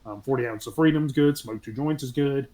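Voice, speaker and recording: A man's voice: medium pitch, fairly quick, warm tone. Rambling, joking man in casual chat. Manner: loose, joking, rambling with many ums.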